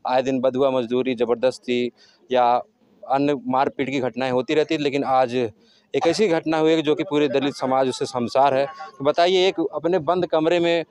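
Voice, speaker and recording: A man's voice: medium pitch, fairly even intonation, normal speed, darkish tone. A man working as a local news reporter, doing a field interview with short prompting questions. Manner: prompting questions, brief agreements.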